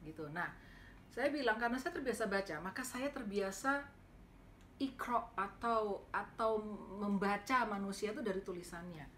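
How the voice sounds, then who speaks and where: A middle-aged woman lecturer, telling a story to her students in a casual, animated way and acting out the dialogue with sudden pitch jumps. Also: moderate pace, a little hiss or hum. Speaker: university lecturer.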